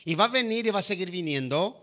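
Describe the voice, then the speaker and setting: A male preacher with a high, bright, forceful voice delivers a sermon. He talks emphatically, calls his listeners brother and keeps asking them rhetorical questions. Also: animated, quick pace.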